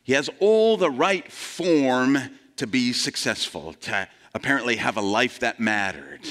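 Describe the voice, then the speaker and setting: A man's voice: lively intonation, unhurried, fairly bright tone. A man preaching a sermon in a conversational way, quizzing the congregation and acting out quoted voices. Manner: conversational, asks the congregation questions; plays out quoted voices with big shifts in pitch. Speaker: pastor.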